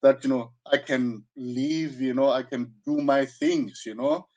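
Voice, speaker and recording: This interview guest is a sixty-year-old karate teacher from Zambia, South African by birth, with a southern African accent. His mid-range, darkish voice keeps a fairly even intonation as he reflects in conversation, halting, searching for words, repeating himself and saying "you know" often.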